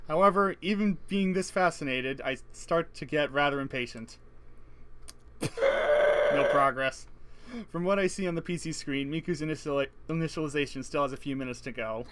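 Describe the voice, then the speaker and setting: A man's voice: on the high side, moderate pace, long pauses, fairly bright tone, slight background noise. A man reading a visual novel's text aloud, breaking off to joke and laugh. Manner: reads narration evenly, then jokes and laughs between lines. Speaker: let's play co-host reading game text.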